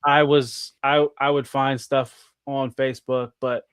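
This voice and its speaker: A man's voice: medium pitch, level tone, a little slow, a bit bright, clear, resonant tone, no echo. An American man, a guest on a podcast, chatting in a rambling way full of "like" and restarts. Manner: rambling, filler-heavy with many restarts. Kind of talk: casual chat.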